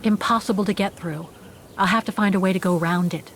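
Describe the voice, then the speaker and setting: A woman's voice: medium pitch, fairly even intonation, brisk, fairly bright tone, slight background noise, natural voice. An actress playing a weary, wry adventurous woman in a naturalistic video game style, often muttering to herself. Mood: searching.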